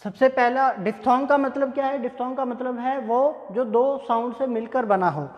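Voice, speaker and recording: A man teaching English pronunciation in a classroom-style lesson, speaking deliberately and repeating example words so they can be drilled. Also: very high-pitched, dull audio. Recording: echoey room with long reverb.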